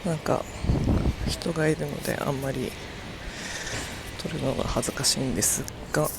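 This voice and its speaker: A young Japanese-accented woman who teaches languages chats casually in a vlog, hesitant and self-deprecating, peppering her speech with "like" and "I don't know." Her low voice is steady and fast with vocal fry, and the recording is very noisy.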